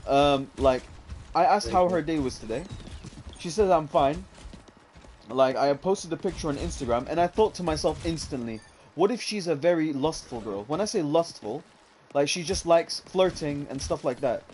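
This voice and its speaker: A man's voice: a little high, lively intonation, moderate pace, darkish tone, slight background noise. Rambling young man telling a gaming story. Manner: rambling, fillers like "what's it called", says "bro". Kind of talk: casual storytelling chat.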